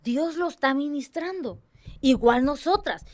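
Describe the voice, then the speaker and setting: High-voiced earnest woman. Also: a little slow. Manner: earnest, expressive, mimics others' voices. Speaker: tambourine dance ministry leader. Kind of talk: casual church talk interview.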